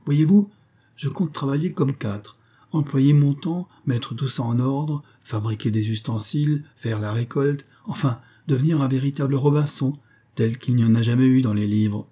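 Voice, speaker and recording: A man's voice: medium pitch, normal speed, warm tone, breathy edge, lightly acted. A man playing a jaunty, chatty Parisian castaway who jokes in colloquial speech, in an audiobook.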